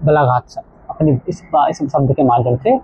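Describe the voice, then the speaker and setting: A male teacher explaining a textbook lesson to children, slowly repeating words for emphasis. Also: mid-range voice, husky. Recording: tinny phone-like audio.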